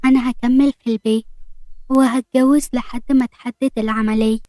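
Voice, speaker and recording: A woman's voice: on the high side, fairly even intonation, brisk, no echo, natural voice. Woman voicing an ill young bride, reassuring. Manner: soft, reassuring.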